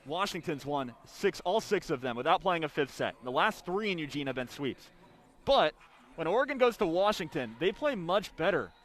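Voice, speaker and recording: Over arena ambience, a young radio announcer gives volleyball play-by-play in short, punchy calls that grow louder on big moments. His voice is on the high side and fairly bright.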